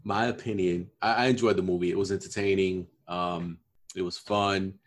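A man co-hosting a casual podcast, talking in a measured, thoughtful way with many fillers. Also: low-pitched, steady tone. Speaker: podcast co-host. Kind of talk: casual chat.

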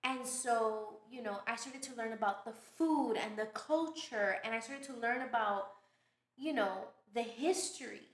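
A woman from Brooklyn, a podcast guest telling stories in casual, animated chat. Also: fairly high pitch, unhurried. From Brooklyn, New York. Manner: animated storytelling, laughs often. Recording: roomy echo.

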